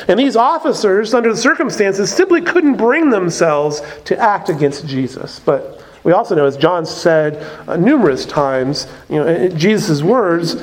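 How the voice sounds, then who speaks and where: A man preaching a sermon as a pastor, in a conversational way with frequent asides. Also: sits high.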